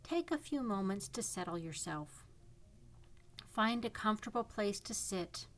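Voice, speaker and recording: A woman narrating a guided imagery meditation in a calm, soothing way, leaving long pauses between gentle instructions. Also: medium pitch. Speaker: psychotherapist guiding a meditation.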